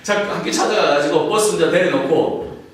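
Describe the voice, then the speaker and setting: A man's voice: fairly high pitch, fairly quick. A man preaching a sermon as a pastor, in a conversational way, acting out the voices he quotes. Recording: echoey hall from far off with faint noise.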